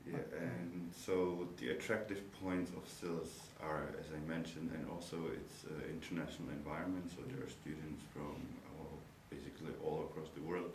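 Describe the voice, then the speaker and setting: In a rumbling low voice with a steady tone, this young man from the Czech Republic speaks at a moderate pace with few pauses. A native Czech speaker and university student, he gives thoughtful interview answers about his studies in English, hunting for words and using nonnative phrasing. The mic is distant, in a noisy, echoey room.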